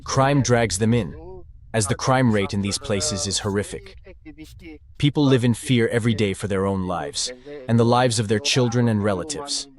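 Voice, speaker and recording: A man's voice: lowish voice, normal speed. A man from Bangladesh speaking as an interviewee in a plain, earnest way.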